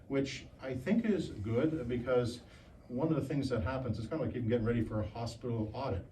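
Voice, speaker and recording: A man's voice: medium pitch, warm tone. An older man explaining things informally in a folksy way, often asking and answering his own questions. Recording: distant mic, faint background noise.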